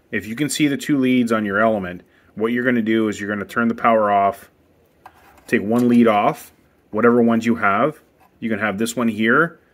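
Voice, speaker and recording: Brief: man, lowish voice, plain practical hot tub technician walking through a repair outdoors. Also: fairly bright tone. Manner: plain, practical step-by-step instructions. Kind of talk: casual how-to demonstration. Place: outdoors beside a hot tub equipment bay.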